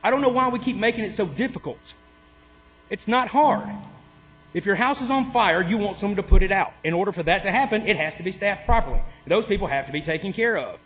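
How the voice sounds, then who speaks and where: Fired-up guy ranting at city council, kinda high voice, tinny sound, big echoey hall w/ hum. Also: lively intonation, fast talker. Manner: heated, sarcastic, driving home points with repeated questions. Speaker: city worker speaking at public comment. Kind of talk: impassioned public comment speech.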